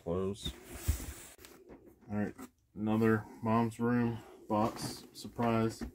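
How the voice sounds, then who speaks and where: This storage-unit reseller talks extremely slowly in a low, level voice as he rummages through boxes in a cargo trailer. His casual narration is offhand and filler-laden, spoken as he thinks aloud, and the body-mounted camera recording is noisy.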